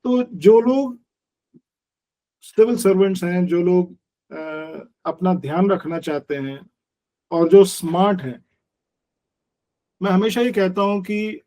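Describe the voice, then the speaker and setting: एक साठ वर्षीय पुरुष योग शिक्षक, जो एक बातचीत में गंभीरता से समझाते हुए हिंदी और भारतीय अंग्रेज़ी मिलाकर बोलते हैं।. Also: male voice, sits high, mellow. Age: 60s. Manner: earnest, explanatory, mixes Hindi and English, uses everyday analogies. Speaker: yoga teacher. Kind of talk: conversational interview.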